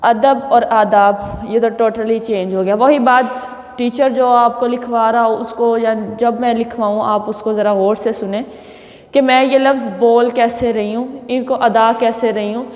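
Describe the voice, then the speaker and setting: A woman teacher with a Pakistani Urdu accent works through a spelling lesson at a slow, unhurried pace. She pronounces each word deliberately and repeats it for her pupils. Her voice sits somewhat high, and a long reverb trails behind it as if the room is echoey. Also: fairly even intonation, a little mellow.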